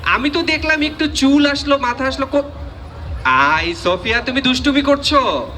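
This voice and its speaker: A man hosting a children's puppet show, presenting in an animated, playful and coaxing way. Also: very high voice, normal speed.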